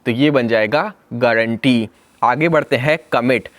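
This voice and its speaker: A man teaching an exam prep spelling lesson, slowly spelling out words letter by letter. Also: medium pitch, a bit bright, no room sound.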